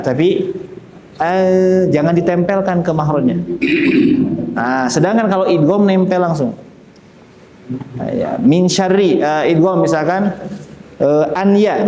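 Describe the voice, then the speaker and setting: A man's voice: sits high, warm tone, a little hiss or hum. A man teaching Quran recitation, patiently explaining and modelling sounds for students to repeat. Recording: echoey room.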